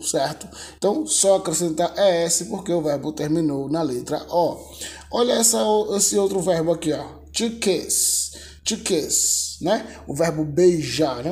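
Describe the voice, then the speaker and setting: Slow, patient Brazilian English teacher. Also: medium pitch, dark tone. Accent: Brazilian Portuguese. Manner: patient, drills word lists, asks rhetorical questions. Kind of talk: video lesson explaining verb conjugation.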